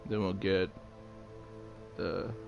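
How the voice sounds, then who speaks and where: Tired, gravelly man streaming a game. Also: sits low, flat delivery, very slow, highs cut off. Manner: tired, swears casually, talks to chat. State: scratchy voice from just waking. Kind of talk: casual gameplay commentary. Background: game music.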